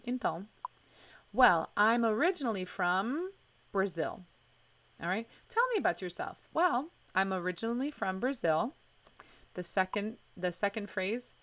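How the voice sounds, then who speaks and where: A woman teaching a live online English lesson, speaking slowly and encouragingly and mixing in Portuguese phrases as she explains. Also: on the low side, a bit bright, dry recording. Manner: encouraging, reads student questions aloud. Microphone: live stream mic.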